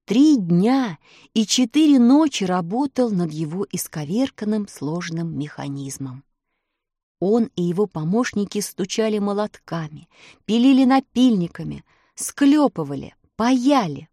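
A woman reads a children's fairy tale aloud, her voice rising and falling through a wide, singsong span. She slows down to lean on key moments. The recording is close and dry, with no room sound. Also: medium pitch, no room sound. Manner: expressive, lilting storytelling with slowed emphasis. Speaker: narrator. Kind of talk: storybook reading.

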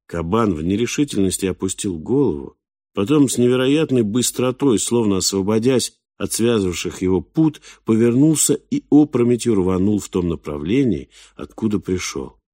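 A man narrating a science fiction novel as an audiobook, in a measured, even way. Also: on the low side, dry recording, studio quality.

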